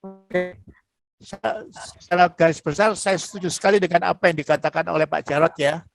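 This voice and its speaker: A man giving a measured response on a webinar over a video call. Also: sits high, fairly even intonation, vocal fry, no echo, faint music behind. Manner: checking setup, measured.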